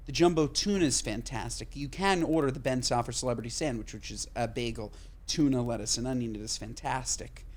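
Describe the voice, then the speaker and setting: A podcast co-host chats casually and emphatically, swearing freely and talking in quick bursts. His voice is medium-pitched with a darkish tone.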